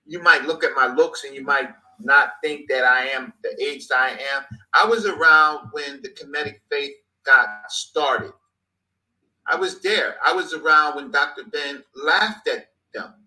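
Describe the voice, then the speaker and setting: Emphatic man, 50s, higher bright voice, repeats for emphasis. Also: rough recording. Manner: emphatic, repeats phrases for stress. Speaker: guest speaker. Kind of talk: passionate conversation.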